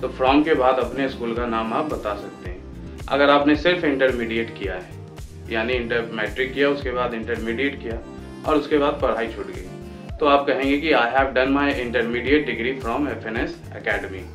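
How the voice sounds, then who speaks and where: A young man in his twenties from Patna teaches spoken English, breaking off to say each example sentence slowly and carefully. His voice sits at an ordinary middle pitch and rings around a reverberant room, with soft music playing underneath. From Patna, India. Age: 20s. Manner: slows right down to spell out English example sentences. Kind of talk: Hindi-language lesson on English phrases. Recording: echoey room with faint music.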